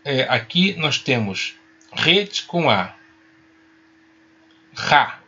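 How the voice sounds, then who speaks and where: Slow, bright-voiced male Hebrew teacher. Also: medium pitch, husky, highs cut off. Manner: patient, reassuring, spells out sounds slowly. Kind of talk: recorded online lesson.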